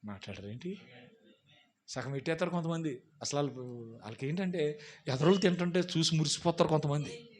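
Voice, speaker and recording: A pastor with a Telugu accent preaching a sermon, swinging from loud emphatic repetition to low asides and direct questions to the congregation. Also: male voice, fairly quick, long pauses, a little hiss or hum.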